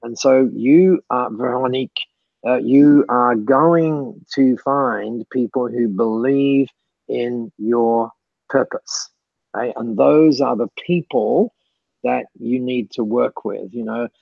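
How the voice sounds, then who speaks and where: Guesting on a mentoring Q&A call, a man answers questions slowly in a gravelly, medium-pitched voice with no room sound. His speech is chatty and repetitive, breaking into laughs, on a dull lo-fi recording.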